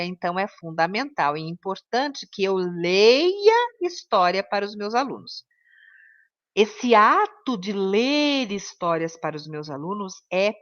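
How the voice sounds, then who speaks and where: A woman teacher delivers a recorded course lecture in an even, middle-pitched voice. She explains patiently and keeps checking in with tag questions. The audio is slightly dull and lo-fi. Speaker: teacher of children's literature.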